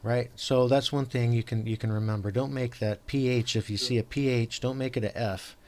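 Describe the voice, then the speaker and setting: A man hosting a tabletop game session, patiently explaining the rules to his opponent in a halting, rambling way full of fillers and restarts. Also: medium pitch, fairly even intonation, darkish tone. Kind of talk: casual tabletop game chat.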